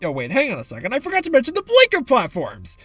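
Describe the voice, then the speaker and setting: A man's voice: very high-pitched, huge pitch swings, fast, a bit bright, soft background music. A man giving sarcastic, exasperated commentary for a video game review essay, into a close mic.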